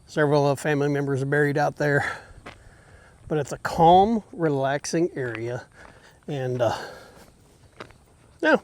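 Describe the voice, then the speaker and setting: A man's voice: on the high side, unhurried, pauses often, a little mellow. A man vlogging by himself outdoors, talking casually into an action camera he holds, with rambling filler words and a bout of hiccups. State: has the hiccups. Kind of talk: casual solo vlog. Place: outdoors by a lake dam. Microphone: action camera held by the vlogger.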